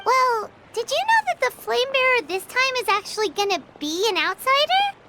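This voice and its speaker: A woman's voice: big pitch swings, normal speed, heavy background noise. A woman voicing Paimon, a tiny floating fairy companion who is curious and chirpy, in a video game. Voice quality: high, bright and squeaky. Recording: game audio with loud music underneath.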